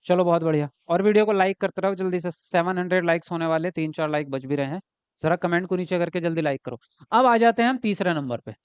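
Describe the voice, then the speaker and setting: Man, online exam-prep teacher, high voice, dry close mic, slightly dull lo-fi sound, explains step by step. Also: quick pace, clear, resonant tone, no echo. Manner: explains step by step, asks questions and answers them himself; reads viewer comments aloud and talks to them. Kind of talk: live online class lecture.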